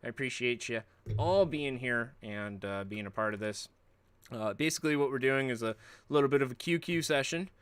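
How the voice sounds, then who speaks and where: A man's voice: mid-range voice, normal speed, a bit bright, clear, resonant tone. A man hosting a livestream, chatting casually in rambling, joking rants. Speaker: livestream host.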